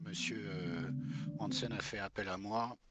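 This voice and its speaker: A man voicing a cool, gruff private detective who gives short, dry, tough-guy answers in a tabletop game. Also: on the low side, a little slow, very noisy, lightly acted. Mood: curt. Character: gruff, cool male New York private detective, adult. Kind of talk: game master voicing a character.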